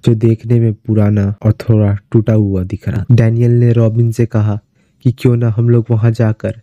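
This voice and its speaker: Dark-voiced man narrating a horror story. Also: medium pitch, no room sound, dull audio. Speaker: storyteller, channel host.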